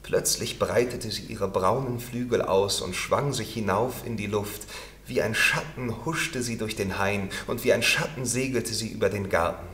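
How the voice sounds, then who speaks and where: Ein Schauspieler liest ein Märchen vor, gemessen und ausdrucksvoll erzählt. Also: male voice, lowish voice. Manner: measured, expressive narration. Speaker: actor reading aloud. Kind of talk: literary fairy-tale reading. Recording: roomy room with faint background noise.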